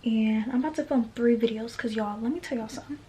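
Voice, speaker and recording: A young woman vlogging at home, chatting excitedly with her viewers while holding the camera and a little out of breath. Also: fairly high pitch, fast talker, a little hiss or hum. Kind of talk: casual vlog chat. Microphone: handheld camera mic.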